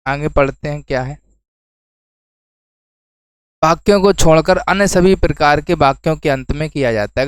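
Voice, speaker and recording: A man's voice: a little high, clean tone, no room sound, poor audio. A man teaching an exam-prep lesson to students, often asking a question and then answering it himself. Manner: explains then repeats key terms as questions to students.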